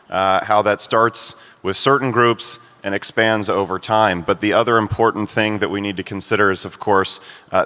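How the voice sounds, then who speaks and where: A man's voice: lowish voice, pushed and bright, clear, resonant tone. A man moderating a conference panel, hesitant with many filler sounds, in a conference hall. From United States.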